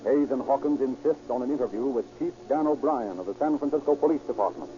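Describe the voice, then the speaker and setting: A man reads scripted, dramatic narration styled after a 1940s radio crime show, speaking quickly at medium pitch. The recording sounds muffled and vintage, with loud music in the background.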